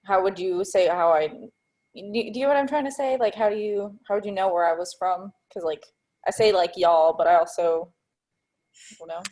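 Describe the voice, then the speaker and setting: A woman's voice: medium pitch, normal speed, darkish tone. A young woman in casual chat on a video call, searching for words and unsure.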